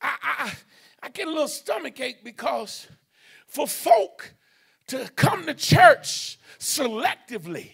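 A male preacher delivers a fervent sermon in a church, swinging from low asides into shouted bursts and call-and-response. His voice sits very high with a gravelly rasp and a sharp, bright edge. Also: very animated, takes it slowly. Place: church sanctuary.

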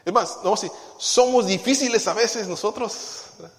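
A pastor preaching to his congregation in a fairly high voice, swinging from quiet asides to loud bursts. He acts out short quoted voices as he goes. The sound rings with a long reverb of a church hall. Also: normal speed. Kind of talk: sermon.

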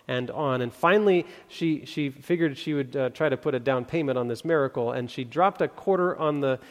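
A man preaching a sermon, reading scripture and telling a story in an earnest, building way with pauses for emphasis. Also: mid-range voice. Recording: long hall reverb.

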